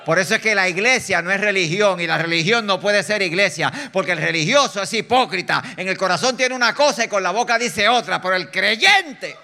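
High, bright-voiced Puerto Rican preacher. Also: male voice, a little fast, few pauses. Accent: Puerto Rican Spanish. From Puerto Rico. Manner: animated, swings between loud bursts and low asides, teases the congregation. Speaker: guest preacher. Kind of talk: lively sermon. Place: church sanctuary.

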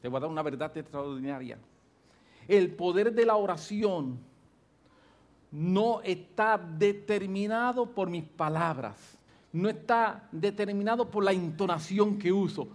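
A male pastor delivering a sermon to a congregation at a church service, swinging between quiet and loud and repeating phrases for stress. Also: high-pitched, measured pace.

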